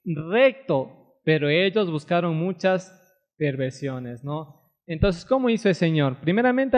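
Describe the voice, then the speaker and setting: A man preaching a Bible study sermon, often pausing to ask the congregation to fill in the next word, and reading verses slowly. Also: high voice, in a large hall. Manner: asks the congregation fill-in questions; reads verses slowly and deliberately.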